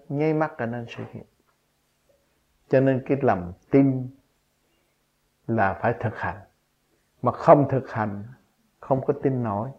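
A man giving a spontaneous religious teaching, emphatic and full of rhetorical questions, his voice jumping up on key points. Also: medium pitch. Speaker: spiritual teacher. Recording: dull lo-fi recording.

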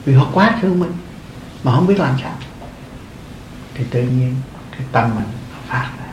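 A man's voice: mid-range voice, animated, normal speed, a little mellow, echoey room, a little hiss or hum, low-quality recording. An older man, a monk, giving an earnest dharma talk to lay followers, repeating his phrases and chuckling often. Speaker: Buddhist monk teaching.

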